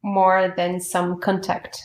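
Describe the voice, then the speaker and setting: A woman's voice: lowish voice, completely flat delivery, slow. Eager French woman hosting a chat. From France. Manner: eager, questioning, laughs often. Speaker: podcast host. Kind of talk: casual chat.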